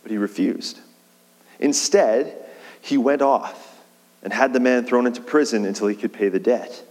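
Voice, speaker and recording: A man's voice: medium pitch, normal speed, a little mellow. Male pastor preaching in a reverberant hall. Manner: conversational preaching with shifting pace and emphasis. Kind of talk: sermon. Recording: long reverb of a large hall.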